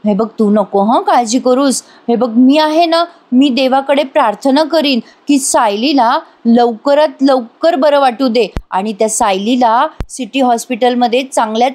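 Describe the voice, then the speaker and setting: A woman's voice: a little high, a little mellow, natural voice. A woman narrator voicing a scheming young woman who feigns concern in a sweetly insincere, coaxing way.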